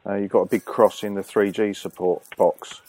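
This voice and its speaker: A man's voice: on the low side, flat delivery, normal speed, dark tone, slight background noise. A man phoning a company as a customer, questioning insistently and correcting the person he speaks to. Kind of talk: phone call complaint.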